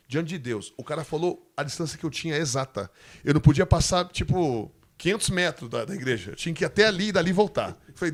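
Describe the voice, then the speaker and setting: A Brazilian man with a Brazilian Portuguese accent telling a lively missionary testimony, laughing as he tells it and acting out the people in the story. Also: on the high side. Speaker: missionary guest speaker.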